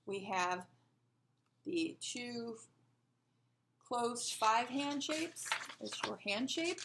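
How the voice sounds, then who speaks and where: A woman's voice: on the high side, expressive, very slow, gravelly, fairly bright tone, slight background noise. A woman teaching a sign language lesson, patiently explaining and asking rhetorical questions as she demonstrates.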